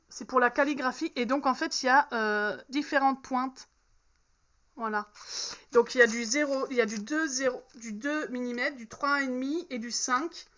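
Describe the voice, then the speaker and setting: A woman's voice: high-pitched, a bit bright. A woman in her thirties, chatting casually about her shopping haul, hesitant and full of fillers and self-corrections. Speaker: vlogger showing a shopping haul. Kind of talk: casual chat. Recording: slightly dull, faint background noise.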